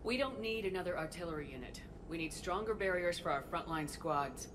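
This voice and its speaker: A woman's voice: on the low side, animated, fairly quick, noisy background, close to an everyday voice. An actress playing a resolute, commanding woman military commander in a video game. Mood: firm, matter-of-fact.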